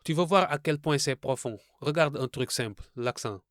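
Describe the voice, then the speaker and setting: A man's voice: mid-range voice, normal speed, fairly bright tone, no echo, clean studio sound. A man from francophone Africa giving a scripted commentary, didactic and rhetorical, speaking straight to the listener. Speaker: video essayist.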